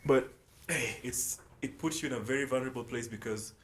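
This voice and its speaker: A man's voice: mid-range voice, brisk. A young man from South Sudan, a musician, talking casually and rambling in an interview, full of "like" and "you know". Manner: relaxed, rambling, often restarts with "like" and "you know". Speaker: musician guest. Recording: echoey room with faint noise.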